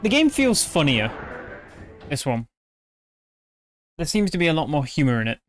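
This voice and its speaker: A man's voice: a little high, huge pitch swings, moderate pace, fairly bright tone, faint music behind. Casual young man streaming a game. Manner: offhand, joking and sometimes swearing. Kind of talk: casual gameplay commentary.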